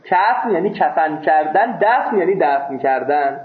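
A man's voice: fairly high pitch, lively intonation. A man teaching a seminary class. He reads a text phrase by phrase and explains each part plainly, sometimes with a joke. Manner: reads phrases aloud then explains them plainly, with jokes. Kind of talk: classroom text lesson, reading and translating. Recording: echoey room over a phone-like line.

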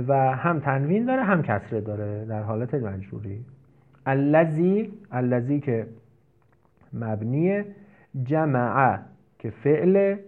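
A man teaching an Arabic grammar lesson. He explains step by step and asks and answers his own questions. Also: mid-range voice. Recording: tinny phone-like audio.

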